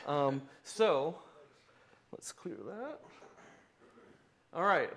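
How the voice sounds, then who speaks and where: A man's voice: fairly high pitch, lively intonation, extremely slow, fairly bright tone. A man presenting a live demo in a tech lightning talk, with wry, self-deprecating humor. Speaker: tech conference speaker, open source project founder.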